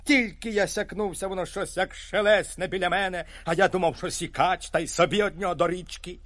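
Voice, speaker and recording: A man's voice: high voice, steady tone, fairly quick, a bit bright, no echo. A man voicing a sheepish fellow hunter explaining himself. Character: sheepish adult male hunter, fellow villager.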